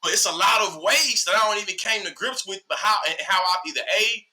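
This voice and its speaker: Speaking quickly in a high voice, this early-thirties podcast guest from Texas, a social media educator, has a Southern accent and an animated, slangy style. He fires off rhetorical bursts of casual opinion and keeps checking that the listener follows along.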